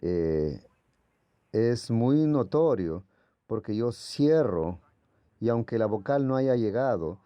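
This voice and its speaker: A man's voice: medium pitch, expressive, takes it slowly, dry recording, dull audio. A man whose first language is Portuguese gives a patient, explanatory lecture as a Greek language teacher, sounding out letters as he goes. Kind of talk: classroom lecture.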